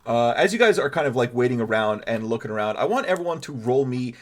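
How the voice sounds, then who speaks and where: Guy gm narrating a tabletop game, chatty, lots of uhs and restarts, middle pitch. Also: expressive, fast. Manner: chatty, rambling with many fillers and restarts. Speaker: game master.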